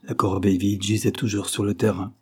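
A man reading a novel aloud as an audiobook narrator, with an even, measured delivery. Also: on the low side, slightly rough. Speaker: audiobook reader.

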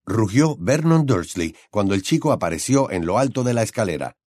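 A man narrating an audiobook in an expressive storytelling style. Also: on the low side, fairly quick, no echo, clean studio sound.

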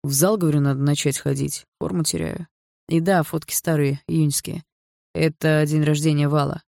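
A woman voicing a cocky, mocking teenage boy with a low, smooth, laid-back drawl. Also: steady tone, normal speed, dark tone, dry recording, studio quality. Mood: offhand.

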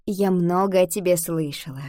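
A woman's voice: on the low side, normal speed, dark tone, dry recording, studio quality, lightly acted. A woman reading the part of a vain, easily offended mother who gushes over a child and bristles about her age. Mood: gushing. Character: woman playing touchy vain mother Gundula.

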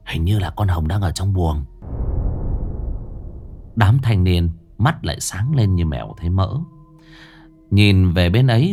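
A man narrating a ghost story in an expressive way. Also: deep voice. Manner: lively, expressive. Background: faint music.

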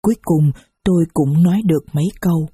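A woman's voice: low voice, fast, mellow, husky, dry recording, studio quality. A woman narrating a first-person story with a grave, sorrowful delivery. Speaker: audiobook narrator.

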